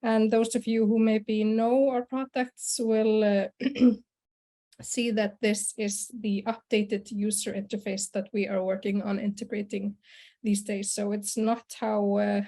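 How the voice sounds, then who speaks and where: A young woman from Iceland giving a conference presentation over a video call, relaxed, with many fillers and throat clearing. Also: medium pitch, measured pace. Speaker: conference presenter, sales and marketing director. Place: small room indoors.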